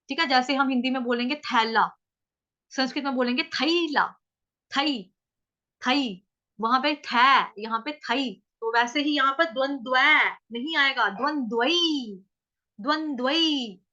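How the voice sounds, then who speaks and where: A woman teaching Sanskrit pronunciation, drawing words out syllable by syllable and then explaining quickly. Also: high voice, pushed and bright, dull audio. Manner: slow, drawn-out syllable-by-syllable recitation alternating with quick explanations. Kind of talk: step-by-step pronunciation lesson.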